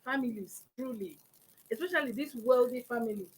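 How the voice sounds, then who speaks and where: A woman's voice: a little high, fairly quick, breathy edge, poor audio. A woman with a Nigerian accent hosting a conversational talk, acting out examples as she explains. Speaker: talk show host.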